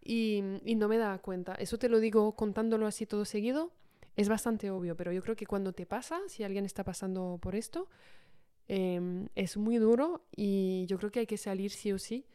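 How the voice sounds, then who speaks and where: A woman's voice: mid-range voice, moderate pace, warm tone, smooth. A woman, a podcast co-host telling a personal story in a casual, hesitant way with many fillers.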